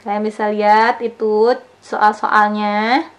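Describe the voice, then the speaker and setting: A woman's voice: mid-range voice, little pitch movement, takes it slowly. A young woman teaching a language lesson online, explaining patiently in a casual, chatty way.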